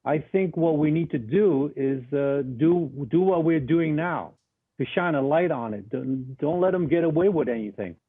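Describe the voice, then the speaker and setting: A man with a slightly high, husky voice speaks at a moderate pace as a guest interviewee on a tinny, phone-like remote line. He answers bluntly and emphatically, often repeating words as he starts a sentence.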